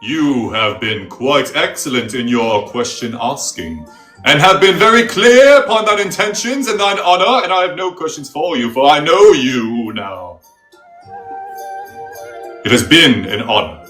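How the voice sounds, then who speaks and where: A man's voice: fairly high pitch, sing-song, a little slow, a bit bright, roomy sound, faint music behind. A man playing a pompous, self-styled pickle priest who makes grandiose pronouncements in mock-archaic speech. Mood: solemn. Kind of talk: comedic character interview.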